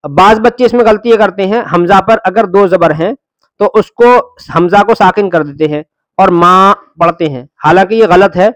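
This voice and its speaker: A man teaching Quran reading, spelling out letters and vowel marks slowly and patiently, then blending them into words and correcting common student mistakes. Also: sits high, fairly bright tone, dry recording. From India. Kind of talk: slow syllable-by-syllable Quran reading lesson.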